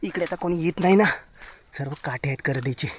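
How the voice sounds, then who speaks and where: A man from India's Konkan region, speaking with a Konkan Marathi accent, vlogs while walking forest and fields in search of wild mushrooms, pointing things out again and again for viewers. His fairly high voice is a little fast with a darkish tone, and the sound is slightly rough.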